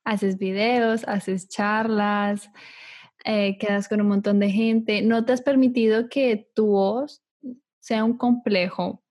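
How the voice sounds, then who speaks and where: A woman hosts a podcast interview, asking measured and thoughtful questions. Her delivery stays flat and even throughout. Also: medium pitch. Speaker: podcast host. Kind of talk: interview conversation.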